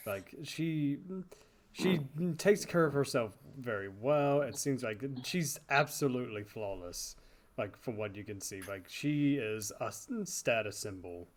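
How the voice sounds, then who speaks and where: A man narrating a tabletop game as dungeon master, describing scenes in a loose, halting way. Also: mid-range voice, animated. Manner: descriptive, hesitant with fillers.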